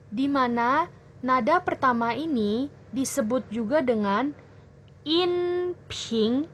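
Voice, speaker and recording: Woman, young adult, tutor, kids' lesson, slow, clear, patient explaining. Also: on the high side, fairly bright tone, a little hiss or hum. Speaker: Mandarin tutor. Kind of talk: children's language lesson.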